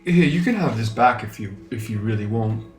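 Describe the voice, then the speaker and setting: A man's voice: lowish voice, lively intonation, fairly quick, a little mellow, roomy sound, soft background music. A man playing a tabletop game, casually asking the game master lots of questions. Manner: curious, asks many questions. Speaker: player.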